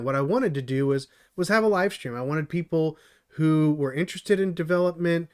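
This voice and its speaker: A middle-aged man hosting a solo live stream as a developer mentor, talking earnestly with many restarts and fillers, his voice a little dry. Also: a little high. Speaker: channel host and developer mentor.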